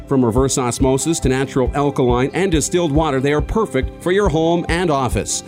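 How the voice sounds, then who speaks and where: Male ad announcer, slightly raised pitch, scripted delivery, light music underneath. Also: a little mellow. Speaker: commercial announcer. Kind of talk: scripted ad read.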